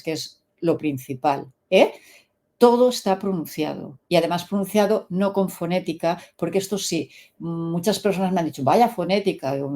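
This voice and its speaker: A middle-aged woman, explaining her English teaching method as an interview guest and acting out little stories. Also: fairly low pitch. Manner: animated storyteller, acts out quoted dialogue.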